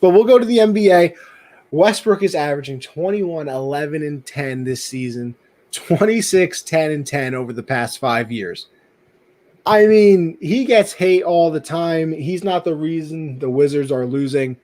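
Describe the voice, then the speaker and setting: A young man co-hosting a sports podcast, chatting casually and excitably, tripping over his words now and then. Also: a little slow. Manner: excitable, jumps in pitch, trips over words. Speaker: podcast co-host.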